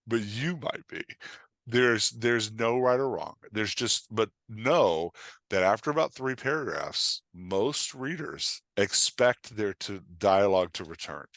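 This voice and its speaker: This is a man whose voice is on the low side and creaky, captured in a dry recording. He gives conversational craft talk as a podcast guest and coach, blunt and animated, peppering his speech with "like" and "right?" and acting out what imagined readers might say.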